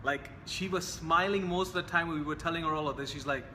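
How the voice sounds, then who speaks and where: Young hong kong guy, high bright voice, earnest and repeats himself a lot, kinda echoey. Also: fast, background noise. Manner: earnest, repetitive, sprinkled with religious phrases. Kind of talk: casual talk to camera.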